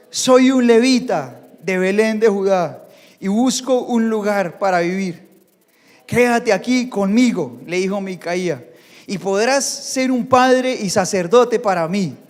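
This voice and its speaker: A male pastor preaching a sermon, animated and acting out the voices he quotes. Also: sits high. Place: church. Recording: church hall reverb.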